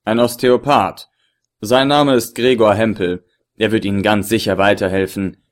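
A man reading an audiobook voices a polite, eager male hotel manager in a lower voice. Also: steady tone, moderate pace, lightly acted. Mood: courteous. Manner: courteous, eager.

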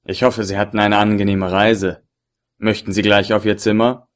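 A man's voice: on the low side, level tone, moderate pace, natural voice. A man doing a courteous hotel manager. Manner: courteous, eager. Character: polite male hotel manager.

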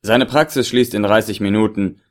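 A man reading an audiobook voices a polite, eager male hotel manager in a lower voice. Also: moderate pace, natural voice. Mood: courteous. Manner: courteous, eager.

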